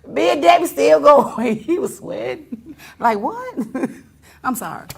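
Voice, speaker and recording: Woman talk-show host, high and lively, teasing, laughs a lot. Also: slow pace, gravelly. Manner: laughs often, animated and teasing. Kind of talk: casual laughing chat.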